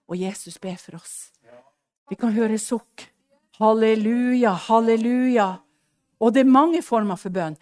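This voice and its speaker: A middle-aged woman preaching a sermon, fervent and swinging between hushed speech and loud exclamations, acting out the prayers and dialogue she retells. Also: mid-range voice. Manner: acts out quoted prayers and dialogue.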